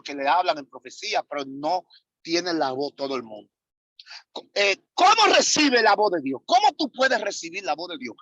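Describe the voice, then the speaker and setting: Man, husky voice, high pitch, emphatic preaching lesson, repeats his points, dry sound. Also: fairly bright tone, no echo, low-quality recording. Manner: emphatic, repeats key phrases, rhetorical questions to the audience. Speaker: apostle teaching a ministry school.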